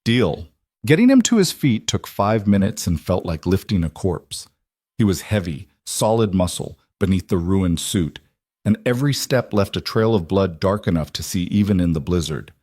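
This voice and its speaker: Low-voiced male audiobook narrator. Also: expressive, a little mellow, dry recording, clean studio sound. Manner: measured, dramatic storytelling.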